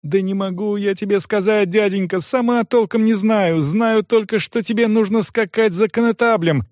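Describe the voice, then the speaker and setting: A man voicing a frantic young peasant girl who begs and pleads, shrill and urgent. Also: normal speed, darkish tone, no room sound, clean studio sound, lightly acted. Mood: begging. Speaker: audiobook narrator.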